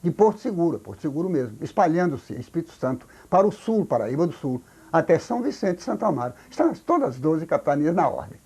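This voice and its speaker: An older man from Brazil with a Brazilian Portuguese accent, a folklorist explaining things slowly in an interview, halting with many repeated words and restarts. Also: fairly high pitch, big pitch swings, a little mellow, slightly rough. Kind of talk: recorded oral history interview.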